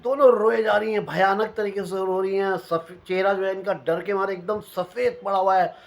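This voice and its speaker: Man from Uttarakhand, slightly high-pitched storyteller; animated ghost-experience telling. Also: moderate pace, gravelly. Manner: animated, repeats phrases for suspense. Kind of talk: recounting a personal ghost experience.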